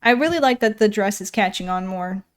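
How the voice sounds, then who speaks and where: In a mid-range, expressive voice, a woman streamer talks a little fast while reading game patch notes. She rambles casually, thinks out loud, and keeps revising what she just said.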